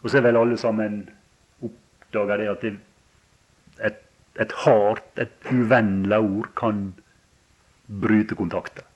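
A man preaching a sermon with a somewhat low voice. He speaks haltingly, restarting and repeating words, then lifts his voice in emphatic runs. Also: level tone.

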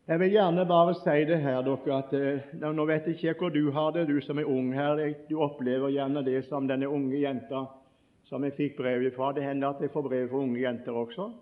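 A man's voice: medium pitch, flat delivery. A male preacher giving a sermon, telling a story earnestly with frequent restarts and emphatic peaks, on a dull lo-fi recording.

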